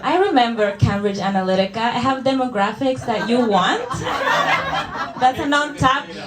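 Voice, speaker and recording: A woman's voice: fairly high pitch, moderate pace, heavy background noise. A young woman from El Salvador with a Salvadoran Spanish accent, performing a stand-up set in a hesitant, self-deprecating way with many fillers and restarts. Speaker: stand-up comedian. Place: comedy venue with live audience. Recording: echoey room, audience laughter.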